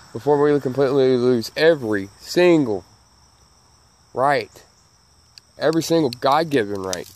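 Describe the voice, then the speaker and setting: A man whose voice is on the high side and a little mellow hosts a channel, launching into a folksy opinion rant to camera. He has a Southern US accent, speaks emphatically, and repeats his phrases. Because of missing front teeth, his sibilants come out slightly slurred.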